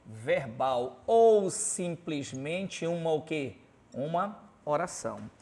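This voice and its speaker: A man's voice: on the high side, big pitch swings, takes it slowly, darkish tone. Paraense man teaching with quiz questions. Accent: Paraense (Belém). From Belém, Pará, Brazil. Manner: quizzes with constant rhetorical questions and tag "tá?"; writes examples on a board while explaining. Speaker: Portuguese teacher. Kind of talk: classroom grammar lesson.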